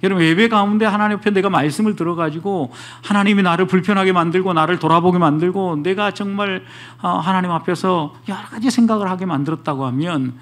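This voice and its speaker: A male pastor delivering a Friday worship sermon, often acting out the grumbling thoughts of believers and God's rebuke. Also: high-pitched. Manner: expressive preaching that acts out the inner voices of believers.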